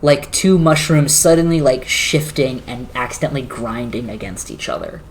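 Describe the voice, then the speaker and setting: A game master with a mid-range voice narrates a tabletop game, describing a scene in slow, searching phrases sprinkled with filler words.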